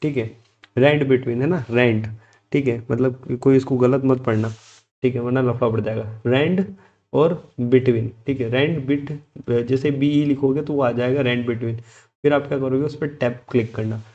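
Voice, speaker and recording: A man's voice: mid-range voice, fairly even intonation, normal speed, dark tone, muffled recording. A man tutoring a spreadsheet lesson step by step, often checking in with "okay" and asking his students' questions himself before he answers them. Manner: steps through clicks, repeating "theek hai" and posing students' questions himself. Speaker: computer tutor. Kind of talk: screen-recorded software tutorial.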